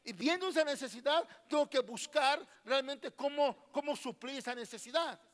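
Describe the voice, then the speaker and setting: Male pastor, Mexican Spanish accent, high-pitched, sermon with many rhetorical "¿verdad?", echoing hall. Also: moderate pace. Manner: questioning the congregation, repeats words, frequent "¿verdad?". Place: church hall.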